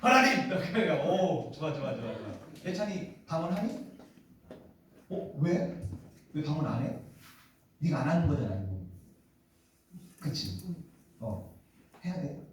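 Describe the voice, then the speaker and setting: A man's voice: on the high side, sing-song, unhurried, long pauses, warm tone, a little hiss or hum. A man preaching at a revival meeting in a church, repeating phrases and asking the congregation rhetorical questions. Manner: talks directly to the congregation, teasing and joking. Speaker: pastor. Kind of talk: revival sermon. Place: church sanctuary. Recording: very echoey hall, voice far from mic.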